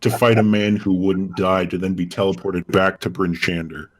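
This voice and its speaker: A man's voice: low voice, level tone, moderate pace, a little hiss or hum. A man chatting in character as a player in a tabletop game.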